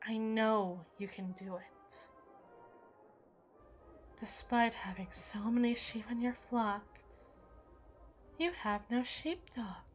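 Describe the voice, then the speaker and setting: Playing the same kind of unstable, brooding evil queen, this woman's fairly high voice moves slowly, with long pauses and faint music behind her. The audio roleplay is intense and theatrical, a formal, dramatic monologue that sounds grim and commanding as she shifts from hushed to forceful.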